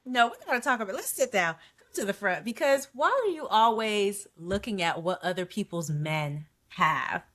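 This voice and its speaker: A woman co-hosting a podcast, chatting casually and animatedly about a reality show. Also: mid-range voice. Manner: animated, quotes people in quick put-on voices. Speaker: podcast co-host.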